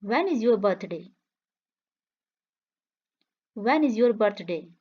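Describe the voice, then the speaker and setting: A woman reading English practice questions and answers slowly for learners, saying each line twice in a clear, measured way. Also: mid-range voice, animated, muffled recording. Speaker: English teacher. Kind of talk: slow repeated phrase reading for learners.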